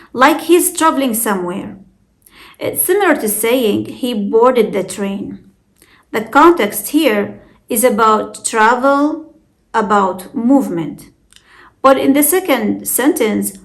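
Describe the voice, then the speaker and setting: Woman, Arabic teacher, slow deliberate pace, careful explanation. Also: on the high side. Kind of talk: scripted lesson narration.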